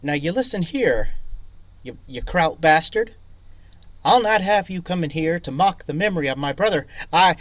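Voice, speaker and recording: A man voicing a proud, hot-tempered young male saloon pianist in a read-aloud story, loud and clipped. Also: on the high side, lively intonation, no room sound, pitched above the performer's own voice. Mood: furious. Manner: loud, clipped, quick when riled.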